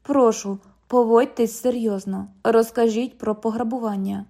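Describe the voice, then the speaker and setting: A woman's voice: on the high side, fairly even intonation, moderate pace, dark tone. A woman reading an audiobook, voicing a formal, patient young male police officer.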